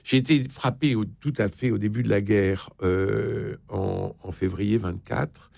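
A male interviewer hosting a conversation with an author, sometimes reading passages aloud in a measured way. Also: fairly low pitch, steady tone, creaky, a little mellow, slightly rough, no echo. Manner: reads passages with measured delivery. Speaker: interviewer, host.

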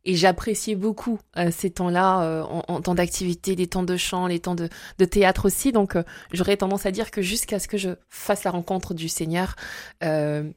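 A woman raised in Congo-Brazzaville, telling her faith testimony as an interview guest, hesitant with many pauses and fillers. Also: fairly low pitch, steady tone, darkish tone, no room sound.

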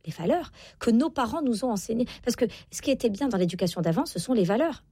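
A woman's voice: fairly high pitch, animated, fast talker, mellow, slightly rough, no echo. A woman in her forties, a guest author on a radio interview, talking with many fillers and restarts. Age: 40s.

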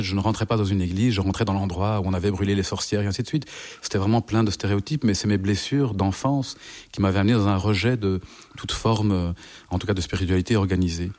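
A middle-aged man from France, a psychologist guest, recounting his life slowly and reflectively while searching for his words. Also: fairly low pitch, a little mellow. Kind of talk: personal interview testimony.

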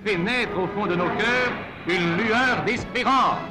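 A man's voice: high voice, slow, loud music behind the voice, poor audio. A man narrating a 1940s newsreel in a formal, declamatory way, heard from an old newsreel soundtrack.

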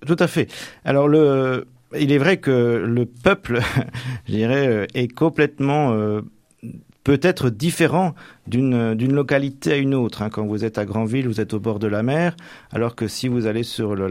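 A man's voice: mid-range voice, normal speed, a little mellow, no echo. A young man from Normandy, a seminarian soon to be ordained, answering radio interview questions hesitantly, with many fillers and restarts. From Normandy, France. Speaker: seminarian about to be ordained priest.

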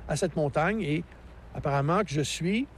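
A man in his sixties with a Québécois accent talks about the mountain landscape for a radio interview outdoors, working as a park naturalist. He's enthusiastic and teacherly and laughs easily, his voice on the high side at a normal pace, with slight background noise.

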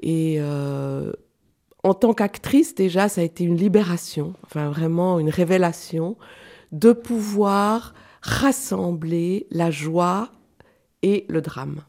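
Interview guest: middle-aged woman from Switzerland, mellow low voice, halting, thoughtful. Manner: hesitant, searching for words with many fillers. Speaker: guest, clown and actress. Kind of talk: radio interview.

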